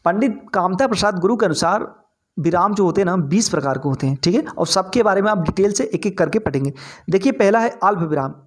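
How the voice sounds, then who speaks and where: A man's voice: high-pitched, lively intonation, fairly quick. A man teaching an exam-prep grammar lesson, repeating his points and checking in with his listeners often. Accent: Hindi-speaking north Indian.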